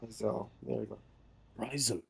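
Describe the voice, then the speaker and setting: This male podcast co-host has a mellow mid-range voice and fairly even intonation. Unhurried, he chats casually, rambling with lots of fillers and false starts.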